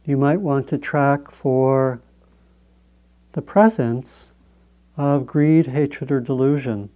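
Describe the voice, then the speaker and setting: In a soft-edged, relaxed voice of medium pitch, a man guides a meditation as a teacher. He gives instructions very slowly and gently, in short phrases separated by long pauses.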